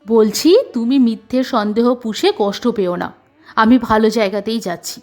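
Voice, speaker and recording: A woman's voice: a little high, moderate pace, faint music behind, close to an everyday voice. A woman voicing an older husband who answers his suspicious wife with teasing banter, in a storybook reading. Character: older husband, teasing, evasive, mildly mocking.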